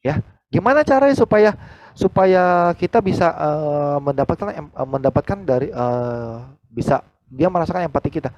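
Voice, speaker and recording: A man, leading a team training over a video call, animated and acting out quoted conversations. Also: normal speed, no room sound, muffled recording. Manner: animated, acts out quoted dialogue with big pitch jumps.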